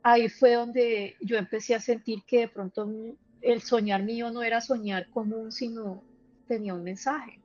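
In a casual interview, a female guest tells personal stories in a halting, earnest, and emotional manner. Her voice is a little high and a little mellow, with fairly even intonation, and the audio is dull.

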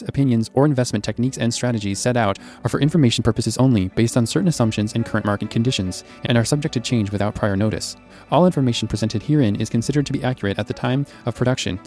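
Man racing through a disclaimer. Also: medium pitch. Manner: rapid, flat read. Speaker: disclaimer announcer. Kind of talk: legal disclaimer read.

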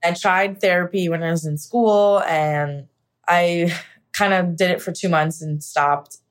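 A young American woman, an actor, candidly shares her own story in an interview monologue, reflective and peppered with casual fillers. Her voice is on the low side, with a steady tone and an unhurried delivery.

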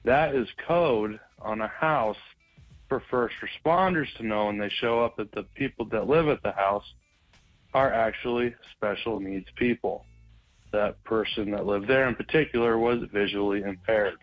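A man's voice: fairly low pitch, moderate pace. Man telling a story in a phone voicemail. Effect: heard over a phone line as a played voicemail. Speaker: voicemail caller. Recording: tinny phone line, faint music.

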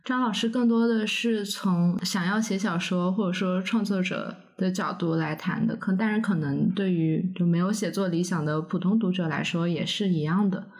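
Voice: mid-range voice, moderate pace, hardly any pauses. A podcast host briefly summarizing one guest and handing the floor to another. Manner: brief, attentive backchannels. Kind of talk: moderating a discussion.

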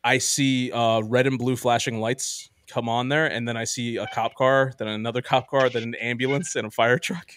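Man, mid pitch, storytelling, swears a lot, acts out quotes, dry close sound. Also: fairly even intonation, normal speed, few pauses, fairly bright tone, clean tone, no echo. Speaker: podcast co-host. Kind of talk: casual storytelling chat.

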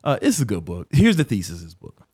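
A man in his thirties, hosting a casual talk ranking business books, swearing freely and telling stories with animated, self-mocking laughs. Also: fairly low pitch, quick pace, breathy edge, dry recording, clean studio sound. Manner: profane, loose and streetwise; animated storyteller who laughs at himself.

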